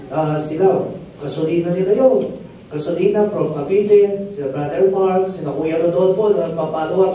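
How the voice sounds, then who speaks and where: With a warm voice on the higher side, a man preaches as pastor, narrating testimony that rises into emphatic peaks. He keeps drawing "amen" from the crowd in a call-and-response rhythm. The hall is very echoey, the mic sits far away, and there is faint noise.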